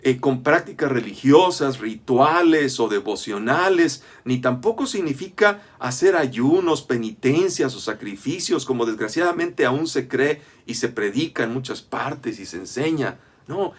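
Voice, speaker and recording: A man's voice: medium pitch, animated, moderate pace, slightly rough. A man giving a Bible study lecture, explaining step by step and often checking in with his listeners. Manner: lists many items one after another.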